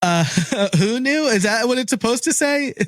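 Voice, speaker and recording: A man with a New York accent, co-hosting a casual tech podcast, curious and quick to laugh. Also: very high voice, lively intonation, dry recording. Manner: chatty, laughs often, curious musing. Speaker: podcast co-host. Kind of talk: casual chat.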